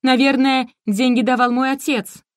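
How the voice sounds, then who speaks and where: A wounded young woman lashes out in a higher, louder voice, voiced by a female narrator. Her lines come out sharp and accusing in a dry, close recording. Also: fairly even intonation, moderate pace, no room sound, natural voice. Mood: agitated. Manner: accusing, raised and agitated. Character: hurt, furious young woman, abandoned daughter. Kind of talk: audiobook character reading.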